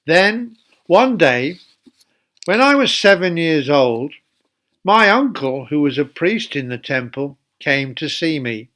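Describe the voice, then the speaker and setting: A church storyteller reads a Bible story aloud to children, speaking deliberately and asking his young listeners questions. His voice is on the high side, very animated and a bit bright.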